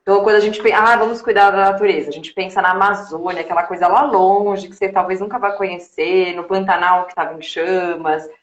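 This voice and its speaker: A woman's voice: on the low side, fairly even intonation, a little fast, few pauses, muffled recording. A woman with a Brazilian Portuguese accent hosting a live talk and chatting candidly with her guest over a video call. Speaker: live stream host. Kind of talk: casual chat. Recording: echoey room.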